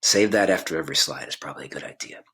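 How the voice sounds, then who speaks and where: Male teacher, deep and a bit husky, casual screen-tutorial delivery. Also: racing, fairly bright tone. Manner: casual, talks through each click.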